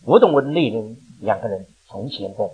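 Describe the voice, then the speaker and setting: An older male preacher with a very husky, worn voice gives a sermon. He talks fast, and his pitch leaps high and drops low as he moves from emphatic questions to hushed storytelling. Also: narrow, tinny audio. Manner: animated, rising to loud emphatic questions then dropping low. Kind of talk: sermon with personal testimony.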